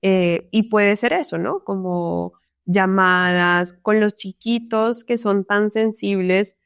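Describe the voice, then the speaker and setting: A Colombian woman talks as a guest in a relaxed interview, thoughtful and unhurried in her phrasing. Her voice is smooth and clear at a middle pitch, and the sound is dry and close with no room around it. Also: dry recording. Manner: reflective, tags sentences with "¿no?". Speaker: psychologist guest. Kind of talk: casual interview conversation.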